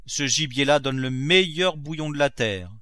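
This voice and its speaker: A man's voice: fairly high pitch, lively intonation, normal speed, pushed and bright, smooth, no room sound, pitched above the performer's own voice. A man playing an old miserly cooper who rules his house and speaks in a curt, commanding way. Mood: dismissive.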